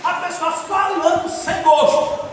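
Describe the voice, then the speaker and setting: A male pastor giving a sermon in a folksy, joking, animated way, recorded from a distance in a church hall. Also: very high-pitched, unhurried. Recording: echoey hall from far off, faint noise.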